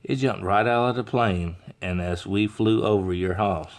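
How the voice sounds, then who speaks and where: A man reading a storybook aloud, putting on the raised, brisk voice of a woman skydiver. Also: lowish voice, natural voice. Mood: insistent.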